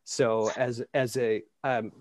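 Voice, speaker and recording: A man's voice: medium pitch, flat delivery, slow pace, no echo. A man, telling casual stories as a guest and hesitating with many fillers. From New York, USA. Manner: rambling, anecdotal, hesitant with fillers. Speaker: amateur baseball pitcher, guest. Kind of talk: casual interview storytelling. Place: flat in Scotland.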